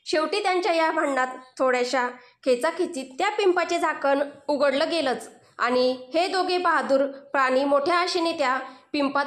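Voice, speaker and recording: A woman narrating a comic story in an expressive storytelling manner. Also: high voice. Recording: roomy echo.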